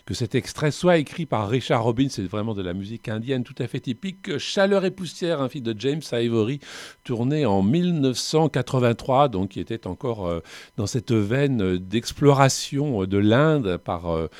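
A man presenting film music on the radio in a casual way, pausing often with fillers and slipping in wry, ironic asides. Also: mid-range voice, animated, darkish tone, no echo.

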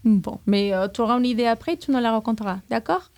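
A woman's voice: on the high side, animated, quick pace, a little mellow. A woman interviewing a group of teenagers, asking simple questions and encouraging their answers.

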